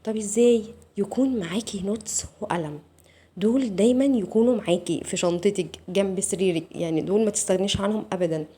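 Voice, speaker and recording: Egyptian woman host, husky mellow tone, soft intimate self-help delivery, addresses viewer directly. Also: mid-range voice, fast. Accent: Egyptian Arabic. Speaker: channel host. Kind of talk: motivational self-help talk.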